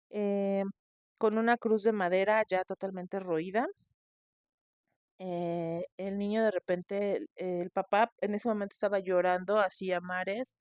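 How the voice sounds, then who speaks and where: A woman, hosting a podcast and telling a story in a lively way, acting out what the people in it said. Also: medium pitch, no echo, clean studio sound. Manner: animated retelling with quoted voices. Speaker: podcast host.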